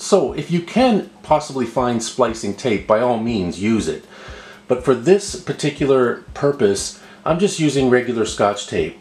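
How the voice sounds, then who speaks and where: Seated at a table in an indoor room, the host of a how-to video talks through an unscripted step-by-step tutorial, explaining patiently and repeating himself along the way. His medium-pitched male voice is a little mellow, and the recording sounds roomy and echoing.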